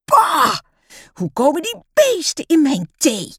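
A woman voicing a strict, short-tempered female schoolteacher in a storybook, shrill and shouting. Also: animated, measured pace, vocal fry, slightly rough, no room sound, studio quality, heavily acted. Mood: outraged.

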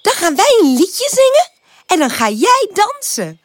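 Tiny singing tulips from a storybook, piping in very high, squeaky little voices far above her own. Her talk swoops widely, and the sound is dry and close. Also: huge pitch swings, measured pace, dry recording, heavily acted. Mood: cheerful.

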